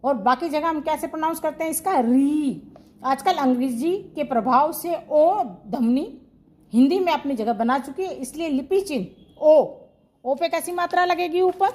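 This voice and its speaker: A woman with a high, light voice teaching a grammar lesson online. She asks a question, answers it herself and goes over each term again, in the steady way of a classroom teacher. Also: moderate pace. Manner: asks questions and answers them herself, repeats key terms.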